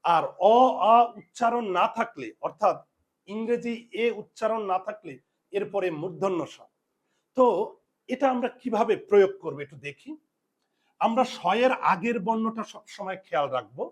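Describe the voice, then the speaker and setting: A man's voice: high-pitched, expressive, normal speed. A male language teacher giving a spelling lesson, repeating each rule and answering his own questions as he drills it.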